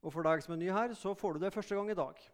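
A man preaching a sermon in a mission hall, earnest and conversational with emphatic raised calls. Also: sits high. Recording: reverberant hall.

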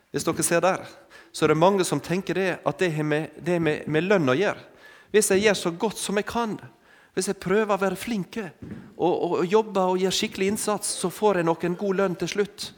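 A man preaching an interactive sermon with props, calling volunteers forward and coaxing them with short repeated commands. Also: on the high side. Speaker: preacher leading an object lesson with volunteers. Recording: long hall reverb.

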